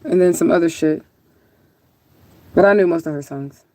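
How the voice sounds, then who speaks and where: On a livestream, a woman chats loosely with viewers and responds to their comments, rambling, relaxed and occasionally profane. Her voice is on the low side with a dark tone, she speaks at a moderate pace, and there's no room sound.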